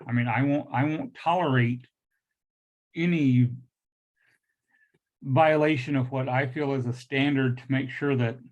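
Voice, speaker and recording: A man in his late fifties speaks firmly and meanderingly at a public meeting, with slightly awkward articulation from new dental implants. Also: medium pitch. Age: late 50s. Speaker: liquor store owner addressing a public meeting. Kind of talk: earnest unscripted remarks at a public meeting. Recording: dull, muffled lo-fi meeting audio.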